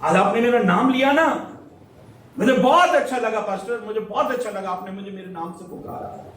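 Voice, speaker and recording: A man's voice: sits high, a little fast, a bit bright, a little hiss or hum, pitched above the performer's own voice. A man acting out a humble, grateful young orphan man who pleads in a tearful, self-effacing way. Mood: moved. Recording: very echoey, distant mic.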